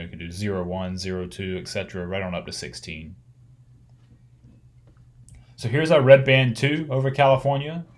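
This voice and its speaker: A man with a lowish voice narrates an instructional slide lecture. He explains things step by step, in measured and clearly organised phrases.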